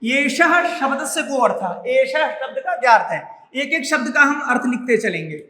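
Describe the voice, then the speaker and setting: High-voiced teacher in an echoey room. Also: male voice, animated, sharp tone. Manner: slow, repetitive, drills each word and asks the class questions. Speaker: Sanskrit teacher. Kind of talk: classroom lesson explaining word meanings. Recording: echoey room with long reverb.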